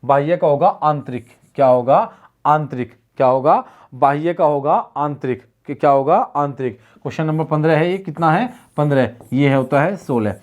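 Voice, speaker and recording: Hindi teacher drilling answers, slightly high voice. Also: male voice, normal speed, darkish tone. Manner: drills answers by asking and repeating them. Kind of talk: online exam-prep class.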